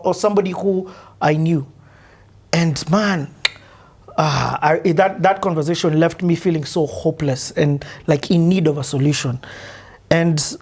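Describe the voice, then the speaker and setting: A man with a Kenyan accent hosting a casual interview, chatty, laughing often and slipping into Swahili. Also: a little high. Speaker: podcast host.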